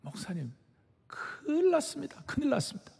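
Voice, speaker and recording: A man's voice: very high voice, wildly swooping pitch, a little fast, gravelly, a little mellow, voice pushed up, heavily acted. An older man voicing a panicked young youth minister who pleads and cries out in alarm. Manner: urgent, pleading, crying out. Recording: long reverb of a big hall.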